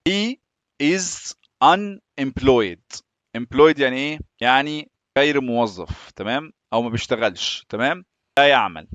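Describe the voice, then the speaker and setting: A man's voice: medium pitch, fairly quick, a bit bright, dry recording. Patient Egyptian man teaching English. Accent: Egyptian Arabic. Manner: patient, often checks in with "تمام؟". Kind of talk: explaining English lessons in Arabic.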